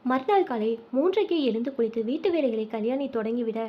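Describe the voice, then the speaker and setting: A woman's voice: on the high side, expressive, a little fast, dull audio. Woman reading a family story aloud. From Tamil Nadu, India.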